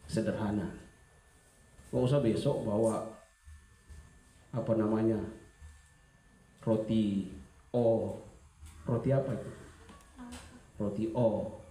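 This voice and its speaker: A man giving an Easter sermon to students, lively and full of questions, acting out teachers as he speaks. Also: fairly low pitch, reverberant, slight background noise. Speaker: school chaplain preaching to students.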